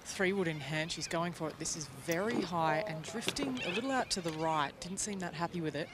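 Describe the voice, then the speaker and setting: On-course male golf commentator in loud noise. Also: a little high, brisk. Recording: loud outdoor background noise.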